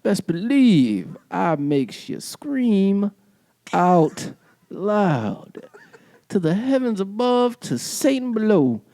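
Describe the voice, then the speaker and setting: A man's voice: sits high, sing-song, extremely slow, mellow, no echo, exaggerated voice. Man putting on a boastful lover type, drawling and sing-song, dry close sound. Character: smooth-talking, boastful male lover persona. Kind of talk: improvised comedy bit.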